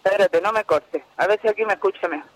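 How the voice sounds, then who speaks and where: A woman's voice: mid-range voice, fast talker. A woman calling a radio show from work. Her phone line keeps cutting out and sounds glitchy. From Andalusia, Spain. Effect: glitchy phone line that keeps breaking up. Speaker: radio caller. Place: at work, on a weak phone signal.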